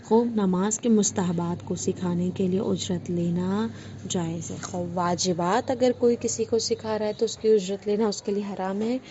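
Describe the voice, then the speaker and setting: A woman teaching an online religious lesson in a clear explanatory way, often asking a question and then answering it herself. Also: medium pitch, warm tone. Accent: Indian Urdu. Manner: explanatory, asks and answers her own questions. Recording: dull lo-fi with faint noise.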